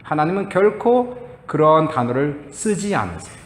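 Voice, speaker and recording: A middle-aged man preaching a sermon as a pastor, telling stories with animated acted-out quotes and chuckles. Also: on the high side, moderate pace, a little hiss or hum. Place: church sanctuary. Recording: echoey church hall.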